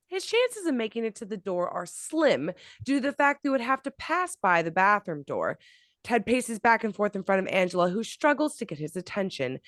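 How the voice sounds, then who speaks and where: A woman's voice: medium pitch, fairly bright tone, no room sound, studio quality. A woman giving scripted narration, reading out stage directions at a table read.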